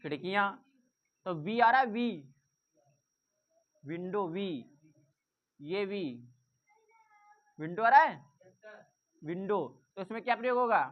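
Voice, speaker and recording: A woman's voice: mid-range voice, slow, long pauses. A woman teaching English grammar in a classroom-style lesson, repeating points and asking the class rhetorical questions. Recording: dull lo-fi recording.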